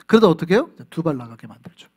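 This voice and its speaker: Male pastor preaching, really lively and up-and-down, tosses questions at the crowd. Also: fairly high pitch, very fast, slightly rough. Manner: animated, acts out scenes with rhetorical questions to the congregation. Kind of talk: sermon.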